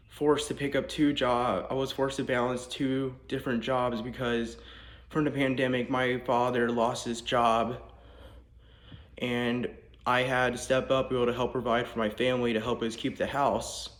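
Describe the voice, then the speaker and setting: A young student at an ordinary middle pitch reads a prepared speech in an earnest, apologetic way. He is recording in a house with the walls torn out. The bare rooms give his voice a strong echo. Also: level tone, moderate pace. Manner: earnest, apologetic, reading from a script. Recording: echoey bare room.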